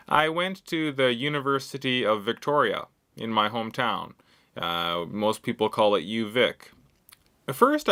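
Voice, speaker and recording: An English teacher in his thirties from Canada's West Coast talks about himself in simple sentences for learners, delivering a slow, clear lesson monologue. He says "uh" often, and his voice sits on the low side, pushed and bright.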